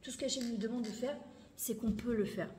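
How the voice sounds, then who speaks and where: A middle-aged woman giving an animated, emphatic Torah lesson to a room of women, repeating phrases and mixing in Hebrew words. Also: fairly high pitch, a little fast. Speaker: Torah teacher. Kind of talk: spoken lesson to a women's audience. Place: lecture hall. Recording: echoey hall, faint background noise.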